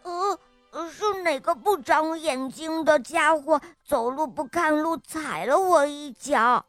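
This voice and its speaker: A woman's voice: sits high, takes it slowly, a bit bright, no room sound, faint music behind. A woman voicing a small, stubborn boy hedgehog who answers back in a huffy, indignant way.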